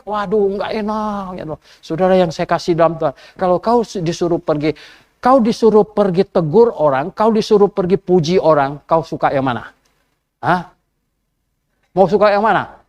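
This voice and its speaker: A male pastor telling a sermon story in a casual, animated way, chuckling and asking the congregation questions. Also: high voice. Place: church service.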